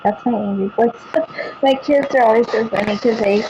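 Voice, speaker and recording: A woman's voice: fairly high pitch, normal speed, muffled recording, noisy background. A woman, vlogging casually to viewers, rambling, repeating herself and restarting sentences.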